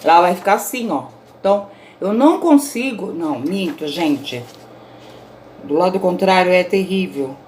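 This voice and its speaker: Recording a grammar lesson for online students from her home, a woman teacher explains things patiently and keeps checking in with the class. She speaks a little slowly in a lowish, slightly mellow voice with lively intonation, and there's slight background noise.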